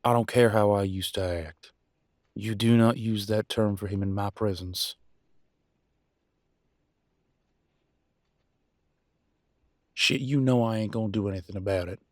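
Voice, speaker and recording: A man plays a worn-out, bitter werewolf pack leader and husband in one-sided relationship roleplay audio, with a deep voice. His talk is folksy and sarcastic, with deliberate pauses and fairly even intonation, and here he comes across as angry and firm. The recording is close and dry.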